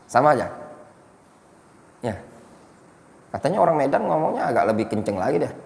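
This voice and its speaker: Ustadz berlogat di aula masjid yang bergema. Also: male voice, mid-range voice, very animated, moderate pace, creaky, darkish tone. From Indonesia. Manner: explains Arabic texts line by line, jokes and quizzes the class. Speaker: ustadz teaching a mosque class. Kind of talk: religious lesson. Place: mosque hall. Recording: echoey mosque hall.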